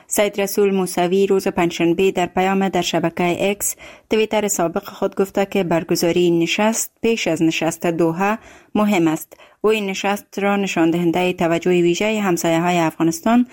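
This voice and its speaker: A woman radio reporter reading a news report in an even, formal way. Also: lowish voice.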